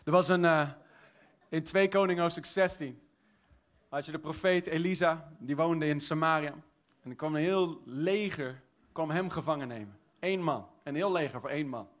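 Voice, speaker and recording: A man preaching a sermon, exuberant, swinging from shouted praise to quiet, chatty storytelling. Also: on the high side, moderate pace. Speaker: pastor.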